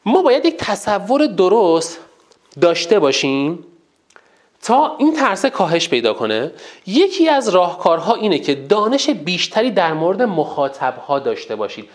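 A teacher giving a colloquial lecture in a public speaking course, asking rhetorical questions and repeating points for emphasis. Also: medium pitch. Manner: animated, asks rhetorical questions to the listeners.

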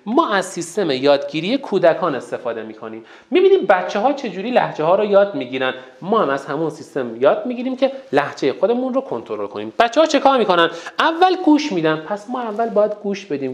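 A man's voice: high voice, big pitch swings, few pauses. A man teaching a lesson as a public speaking coach, emphatic and counting off steps, whose first language is Turkic. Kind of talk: online lesson.

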